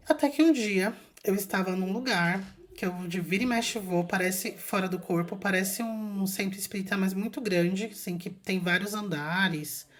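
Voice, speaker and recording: A Brazilian woman telling a personal spiritual story in a casual vlog, chatty and animated, acting out quoted voices and talking straight to her viewers. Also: mid-range voice. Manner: frequent fillers and restarts, addresses viewers directly. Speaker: spiritual content creator.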